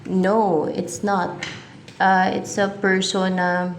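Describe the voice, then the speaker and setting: A woman doing a tarot reading, musing slowly and questioning herself aloud as she reads the cards. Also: medium pitch, little pitch movement. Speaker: tarot reader. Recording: echoey room, faint background noise.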